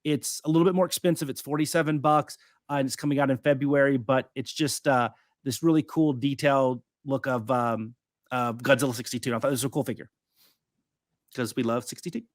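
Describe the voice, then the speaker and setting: A man's voice: medium pitch, steady tone, a little fast, dry recording, clean studio sound. A man co-hosting a podcast in casual chat, rambling with lots of fillers. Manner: rambling, enthusiastic, many fillers. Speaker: podcast co-host.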